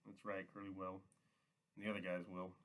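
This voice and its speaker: A man voicing a weary, guarded male farmhand who speaks slowly and heavily. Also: sits low, monotone, a bit bright. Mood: resigned.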